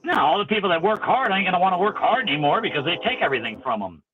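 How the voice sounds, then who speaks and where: A man's voice: high-pitched, very animated, rapid-fire, narrow, tinny audio, noisy background. A man chatting casually on a podcast, acting out the dialogue in his stories. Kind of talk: casual storytelling chat.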